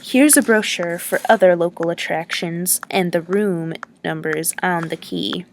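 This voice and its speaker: A woman's voice: fairly low pitch, a little slow, a little hiss or hum. A woman reading the lines of a chatty, teasing male lodging-house keeper who rambles in a folksy way.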